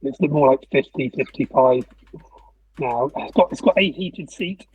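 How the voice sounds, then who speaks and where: A man's voice: mid-range voice, measured pace, breathy edge. A man chatting casually on a podcast, stumbling and restarting as he goes. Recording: muffled, distant from the mic.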